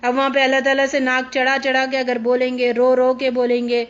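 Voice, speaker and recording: High-voiced woman teaching the Quran. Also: monotone. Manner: explains verses line by line, acts out pleas and replies. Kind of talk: Quran lesson in Urdu. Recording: dull lo-fi recording.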